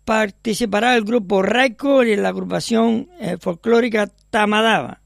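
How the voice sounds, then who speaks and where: A man's voice: sits high, normal speed, creaky, no echo, clean studio sound. A man hosting a local radio show in a chatty, rambling way, with joking asides. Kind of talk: casual radio chat.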